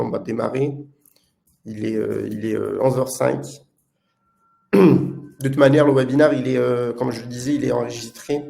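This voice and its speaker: An Italian product manager, speaking with an Italian accent, presents a live webinar in a halting manner packed with filler sounds. His voice is medium-pitched, gravelly and warm.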